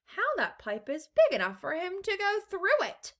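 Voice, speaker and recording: A woman's voice: extremely high pitch, wildly swooping pitch, moderate pace, fairly bright tone, pitched above the performer's own voice, exaggerated voice. Woman as a mild, puzzled father.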